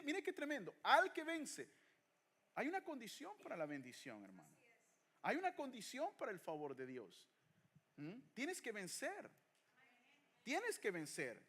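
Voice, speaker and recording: High-voiced preaching pastor. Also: male voice, fairly bright tone. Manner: preaching with rhetorical questions, mixing in English phrases. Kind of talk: sermon.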